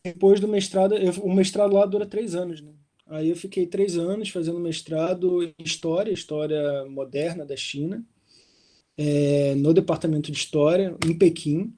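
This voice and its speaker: Young man, mellow voice. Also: a little high, normal speed. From Rio de Janeiro, Brazil. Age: young adult. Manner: relaxed, with fillers like "né" and "assim". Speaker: guest, doctoral researcher. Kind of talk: conversational interview. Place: hotel room in London.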